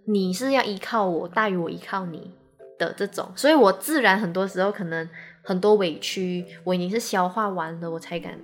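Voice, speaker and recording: A young woman with a Taiwanese Mandarin accent talks calmly on a podcast. She reflects as she speaks, often finishes her partner's sentences, and her voice sits mid-pitch. Faint music plays underneath. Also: brisk. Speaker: podcast co-host. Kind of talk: casual chat.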